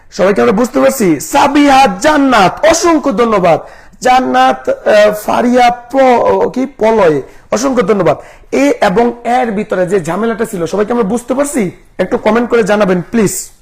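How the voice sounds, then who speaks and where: A man's voice: very high-pitched, vocal fry. A young man teaching a live online class, asking the same questions again and again. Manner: repetitive questioning.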